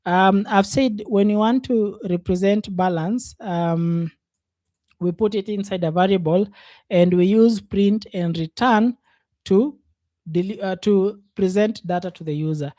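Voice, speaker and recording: A man's voice: high voice, a little slow, dark tone, no echo. A man teaching a programming class over a screen share, talking it through unhurriedly and thinking aloud with frequent fillers. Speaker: programming instructor. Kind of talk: casual screen-share coding lesson.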